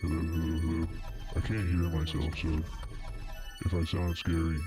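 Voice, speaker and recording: A male streamer talking through a voice changer that pitches his voice deep, casually running a murmured mic check. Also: monotone, moderate pace, over music. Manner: repetitive mic-testing, murmured.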